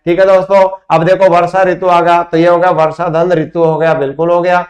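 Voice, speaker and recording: A man's voice: high voice, flat delivery, a little fast, lo-fi sound. A man teaching a grammar lesson at a whiteboard, explaining step by step and asking his students rhetorical questions. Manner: addresses students as friends.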